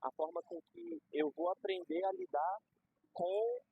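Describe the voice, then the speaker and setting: A young man with a Brazilian Portuguese accent keeps things casual, explaining with slang and familiar examples. He sounds very animated, his high, gravelly voice carrying a breathy edge at a measured pace. The recording is dull and lo-fi, with no echo.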